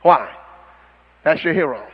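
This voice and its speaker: A man preaching as an imam, fiery and mocking, in an animated sermon style, on a dull lo-fi recording. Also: a little high, measured pace, husky, big-room sound.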